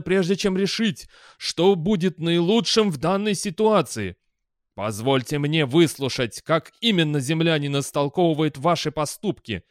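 A man voicing a stern male council chairman who speaks slowly and weightily in an audiobook. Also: mid-range voice, clear, resonant tone, dry recording, studio quality, close to an everyday voice. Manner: slow, weighty, commanding.

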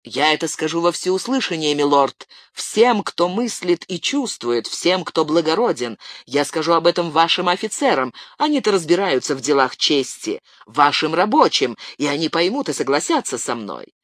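A proud, impulsive young nobleman, played by an audiobook reader, bursts out with fervent declarations. The delivery swings widely in pitch. It sounds dry and close, with no room around it. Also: big pitch swings, moderate pace, hardly any pauses, a bit bright, dry recording. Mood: pleading. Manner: fervent, exclamatory outbursts. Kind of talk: audiobook character reading.

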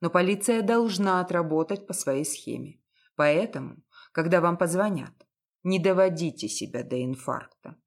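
A woman voicing a cynical, self-assured male private detective who talks down with mocking calm. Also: fairly low pitch. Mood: calm instructing. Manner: mocking, condescending, unhurried.

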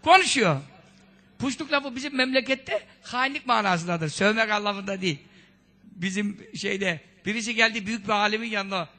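A preacher with a strikingly high, ringing voice delivers a conversational sermon. He scolds his listeners with one rhetorical question after another and drops in Arabic sayings as he goes. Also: moderate pace, pushed and bright. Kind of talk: religious sermon talk.

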